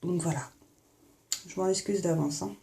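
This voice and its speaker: A woman's voice: on the low side, moderate pace, creaky, warm tone, slight background noise. A young woman casually talking through a hair and makeup tutorial in her bathroom, recorded on a phone headset mic, with lots of fillers. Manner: chatty, many fillers and "en fait". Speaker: beauty vlogger.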